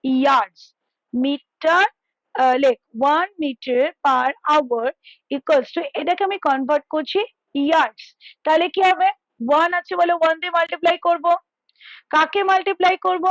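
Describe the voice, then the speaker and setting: A woman's voice: high voice, unhurried, a bit bright, no echo, poor audio. A woman tutoring math over a call on headphones at home, explaining step by step and checking whether her student understands.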